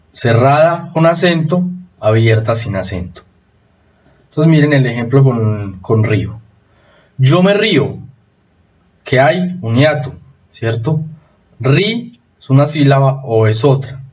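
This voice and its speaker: A man giving a recorded spelling lesson, explaining rules slowly and repeating them for emphasis. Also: mid-range voice, expressive, darkish tone, dull audio. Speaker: spelling teacher.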